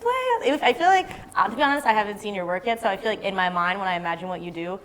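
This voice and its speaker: A young woman in casual chat with friends, playful and quick to laugh, as a travel creator co-hosting. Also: mid-range voice, fairly bright tone, slight background noise. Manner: laughing, playful, talks over others. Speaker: travel content creator, co-host.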